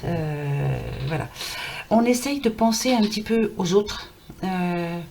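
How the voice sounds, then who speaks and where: A French woman giving a casual card reading, chatty and reassuring, with a scratchy throat and a fading voice. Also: lowish voice. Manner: chatty, reassuring, many fillers. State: scratchy throat, losing her voice. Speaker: card reader. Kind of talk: casual tarot reading to camera.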